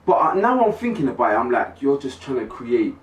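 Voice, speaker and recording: A man with a London accent telling things in a slangy, animated way in a casual group chat. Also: medium pitch, brisk. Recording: roomy, distant mic, faint noise.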